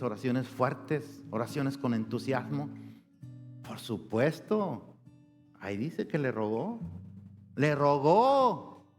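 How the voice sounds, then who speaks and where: In a church sanctuary, a male pastor delivers a sermon and poses questions to the congregation. His voice climbs high and loud for emphasis, then sinks low and quiet. The recording carries a long church reverb with soft guitar underneath.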